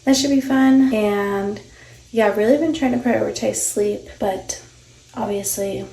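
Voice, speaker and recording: A woman's voice: mid-range voice, unhurried, vocal fry, dark tone, breathy edge, rough recording. A young woman talking casually to her viewers as a running vlogger. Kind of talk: casual vlog talk.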